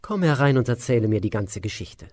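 A man voicing a gentle queen who asks anxious questions. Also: medium pitch, animated, a little fast, close to an everyday voice. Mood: calmly reproving. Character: alarmed but gentle queen, woman.

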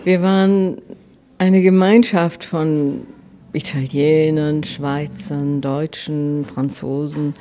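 An older woman telling a personal story in a lively way, often quoting her own thoughts. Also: sits low, slow pace, slight background noise.

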